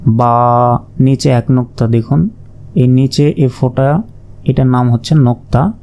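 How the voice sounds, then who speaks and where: A man's voice: mid-range voice, warm tone. A man teaching Arabic letters in a patient, step-by-step lesson, repeating each sound and drawing some out. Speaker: Quran reading teacher. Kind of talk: slow recitation lesson.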